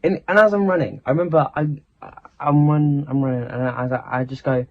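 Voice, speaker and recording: A man's voice: fairly high pitch, brisk. A teenage boy tells a storytime tale in a loose, chatty ramble. He trips over his own sentences and restarts them. The recording sounds slightly dull and lo-fi. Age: teens. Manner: rambling, self-interrupting, chatty. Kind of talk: casual storytime chat.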